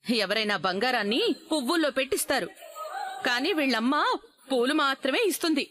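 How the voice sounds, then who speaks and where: Scornful mother-in-law, high bright voice. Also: a little fast. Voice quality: sneering, scolding. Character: scornful proud middle-aged mother-in-law. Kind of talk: TV serial acting.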